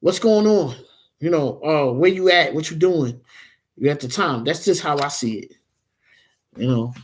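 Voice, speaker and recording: A woman's voice: low voice, animated, measured pace, breathy edge. A woman in her forties, a tarot reader chatting casually and rambling to her livestream viewers. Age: 40s.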